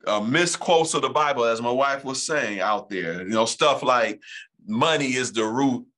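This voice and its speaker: A male pastor, teaching the Bible emphatically and reading scripture aloud slowly. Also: medium pitch, fairly bright tone.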